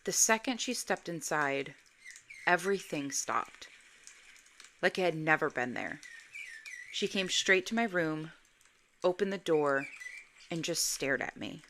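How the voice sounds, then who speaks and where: A woman recounts an eerie personal story, unhurried and deliberate. Her voice sits a little low but has a bright, forward edge. She builds suspense through careful pacing. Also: animated, a little hiss or hum. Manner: slow, measured, suspenseful delivery. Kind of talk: first-person spooky story narration.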